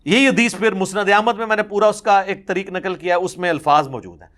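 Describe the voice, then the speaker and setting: A male preacher delivers a passionate religious lecture. His voice sits somewhat high for a man, and he stresses his points through forceful repetition. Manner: impassioned, recounts hadith with emphatic repetition. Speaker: religious speaker.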